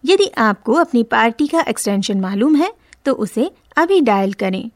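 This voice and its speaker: A woman reading scripted telephone menu announcements in a formal, measured manner with careful enunciation. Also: on the high side, big pitch swings, no echo, studio quality. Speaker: telephone system voice prompt artist.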